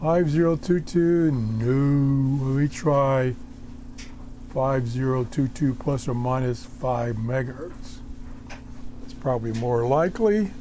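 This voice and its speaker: A man giving casual, off-the-cuff commentary while tuning in a shortwave radio, halting and muttering to himself with folksy exclamations. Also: mid-range voice, mellow, a little hiss or hum. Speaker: radio hobbyist demonstrating a shortwave receiver. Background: shortwave radio being tuned in.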